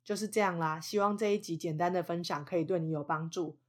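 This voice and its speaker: A woman giving an English lesson, explaining patiently and saying example words slowly. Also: on the low side, steady tone. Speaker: English teacher.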